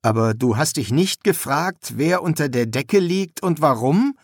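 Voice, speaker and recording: A man's voice: fairly high pitch, expressive, dry recording, studio quality, voice pushed up. A man doing a hesitant young assassin. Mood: uneasy. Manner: hesitant, subdued, halting. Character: brooding young male assassin student, uneasy.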